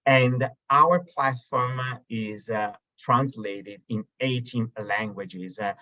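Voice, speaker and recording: Over a video call with dull lo-fi audio, a thirty-something Italian presents webinar slides for a marketplace. He speaks slowly at medium pitch with a sharp tone, faltering through fillers and restarts.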